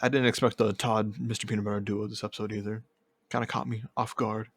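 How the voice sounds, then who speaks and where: Laid-back low-voiced man podcasting. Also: little pitch movement, fast. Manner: laid-back, laughs often, rambling asides. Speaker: podcast co-host. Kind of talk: casual chat.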